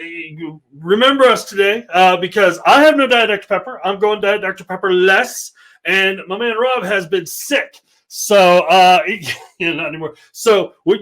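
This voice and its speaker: Male host, casual live tech demo from a home office, joking and loose, voice sits high. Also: fairly bright tone. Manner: joking, rambling, self-deprecating. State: slightly out of breath. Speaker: host of a developer livestream.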